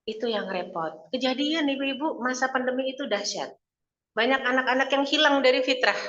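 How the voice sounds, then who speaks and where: A woman's voice: fairly high pitch, a bit bright. A woman religious teacher, giving a conversational lecture to women and telling stories while speaking directly to her listeners. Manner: chatty storytelling, addresses listeners directly. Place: mosque hall. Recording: echoey, dull hall recording.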